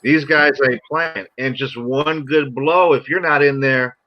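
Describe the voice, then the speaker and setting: A man's voice: a little high, steady tone, unhurried. A man giving casual fight commentary as a panelist, peppering his talk with a repeated filler phrase. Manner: frequently adds "you know". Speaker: sports show panelist. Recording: dull lo-fi audio.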